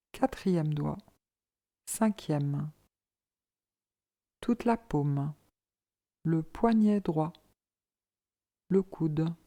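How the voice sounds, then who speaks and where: A woman with a low voice leads a yoga relaxation as the instructor, speaking in a measured, peaceful, soothing manner.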